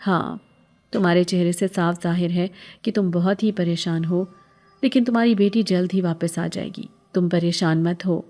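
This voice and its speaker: A woman playing a calm, secretive veiled woman. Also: lowish voice, natural voice. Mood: soothing. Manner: soothing, reassuring.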